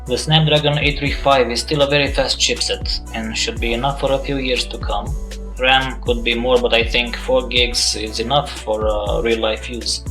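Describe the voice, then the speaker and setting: A man with a Russian accent hosting and narrating a phone review in a plain-spoken, relaxed way. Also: medium pitch, poor audio. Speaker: tech reviewer host.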